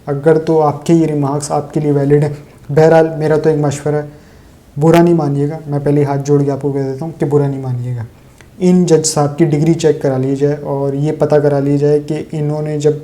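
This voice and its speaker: A man's voice: fairly high pitch, little pitch movement, mellow. A man from Pakistan delivering sarcastic, opinionated solo political commentary straight to his viewers.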